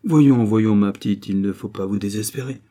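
A man's voice: lowish voice, normal speed, dark tone, natural voice. A man voicing a pompous, self-satisfied aristocratic count who lectures at length. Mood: patronizing. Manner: grandiloquent, lecturing, full of himself.

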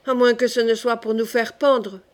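A woman reads a brash swaggering nobleman of old, blustering and cursing as he urges his friend to flee. The voice sits fairly high for the part, in a storybook reading. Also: flat delivery, moderate pace, natural voice. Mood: urgent. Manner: blustering, swearing oaths. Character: brash swaggering male swordsman Coconas.

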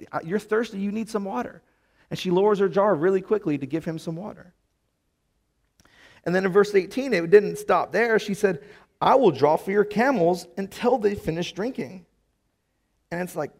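A man leads a Bible study in an easy, chatty tone, often restarting his sentences and leaning on little fillers. His voice sits somewhat high for a man. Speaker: Bible teacher. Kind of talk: conversational Bible lesson.

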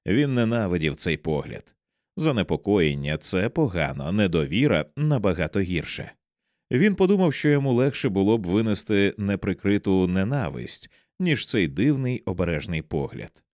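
Low-voiced male audiobook narrator. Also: big pitch swings, normal speed, darkish tone, no echo, studio quality.

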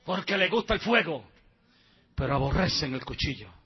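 A male pastor preaching a sermon into a handheld mic in a church, swinging between hushed passages and shouted climaxes. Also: on the high side, very animated, normal speed, highs cut off.

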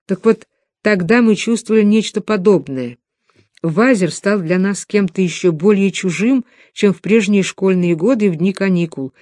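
Woman calmly reading a novel. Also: medium pitch, dry recording, clean studio sound. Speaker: audiobook narrator. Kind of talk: novel narration.

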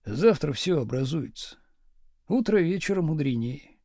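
A man reading an audiobook, voicing a meek, joking young husband who speaks softly and mildly. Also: fairly high pitch, animated, unhurried, dry recording, studio quality. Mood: meek, wry. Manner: soft, mild, meek.

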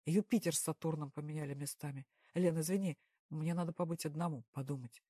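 A woman's voice: deep voice, fairly even intonation, fairly quick, mellow, dry recording, clean studio sound, pitched below the performer's own voice. A woman voicing a young male office coworker who speaks in a subdued, deflated way. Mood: dejected.

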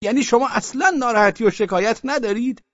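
This audiobook character voice comes from a man playing an evasive official in flustered insistence, stammering, hedging and pleading at a high pitch. His tone is fairly bright, and the recording sounds dull and dry.

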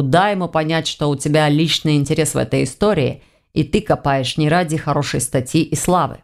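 Woman reading as a steady low-voiced young leader. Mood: earnest. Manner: low measured steady speech. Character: calm decisive young man, group leader.

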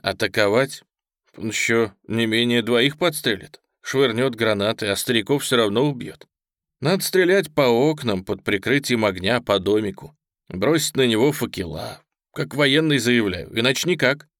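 Stern army lieutenant, low, clipped and restrained, read by a male narrator. Dry sound. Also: expressive, moderate pace, a bit bright, no echo.

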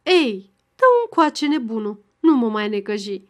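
A woman's voice: high-pitched, very animated. A woman voicing an emotional young woman in a storybook reading, speaking with a trembling, pressing voice. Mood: impatient.

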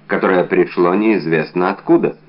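A man voicing a stern, noble musketeer who speaks in a measured, firm way. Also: sits low, highs cut off. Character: nobly stern older male musketeer.

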